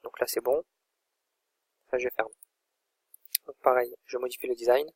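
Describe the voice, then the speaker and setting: An online course instructor talks through a screen-recorded tutorial, thinking aloud and describing each click as he makes it. His mid-pitched voice has a slight husky edge, fairly even intonation, a moderate pace and a somewhat mellow quality. The audio is close and dry, with no room echo.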